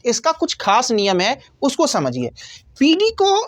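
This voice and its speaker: A woman with a high voice teaches a grammar lesson. She explains patiently step by step, posing questions and answering them herself. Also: huge pitch swings, measured pace, dry recording, studio quality.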